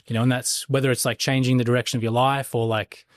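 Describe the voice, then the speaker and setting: A man's voice: mid-range voice, little pitch movement, fast talker, dry recording, clean studio sound. Swearing, rambling tradesman guest. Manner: rambling, heavy on fillers and swearing. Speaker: podcast guest, stonemason. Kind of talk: casual conversation.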